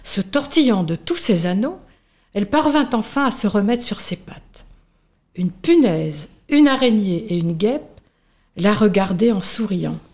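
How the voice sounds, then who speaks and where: A woman co-hosting a children's show, narrating a story in a lively, animated way. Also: medium pitch, measured pace.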